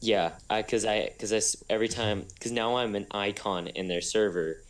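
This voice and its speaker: A man's voice: on the low side, fairly even intonation, moderate pace. A young man co-hosting a podcast, telling a story in a rambling casual way with lots of restarts. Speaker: podcast co-host. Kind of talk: casual chat.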